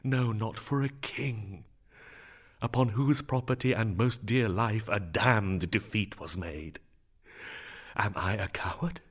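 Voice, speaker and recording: A man playing a brooding, grieving young prince in a Shakespearean drama, with a theatrical, emphatic delivery that moves between hushed and declaiming. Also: on the low side, takes it slowly, husky. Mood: self-loathing. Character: grieving, brooding young prince Hamlet, self-lashing and vengeful.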